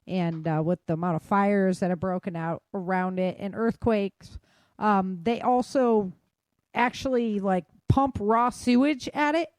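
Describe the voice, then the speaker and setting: A woman hosting a podcast speaks a little slowly in a medium pitch with a darkish tone, giving a colloquial, chatty news roundup of world weather and disasters. There's no room sound.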